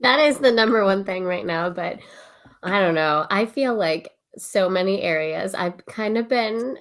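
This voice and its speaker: A woman's voice: medium pitch, animated, a little slow. A woman co-hosting a podcast with a nasal, stuffy voice from a cold, chatting casually and poking fun at herself. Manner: laughing, self-deprecating. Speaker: podcast co-host.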